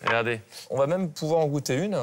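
A man, a pastry chef, teaching a cooking class and walking viewers through each step in a brisk, instructive way. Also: fairly high pitch, expressive, background noise. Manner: instructive, brisk, addresses viewers with "regardez" and "hein". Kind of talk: cooking demonstration.

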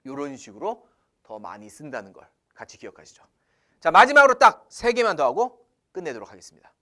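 A man teaching lively, animated English lesson. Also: on the high side, a little fast. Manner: animated, asks rhetorical questions then answers; switches into English phrases. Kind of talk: casual spoken lesson.

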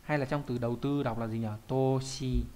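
A man's voice: medium pitch, steady tone, moderate pace, a little mellow. A man, a Japanese teacher explaining kanji in an online lesson, often asking questions and answering them himself.

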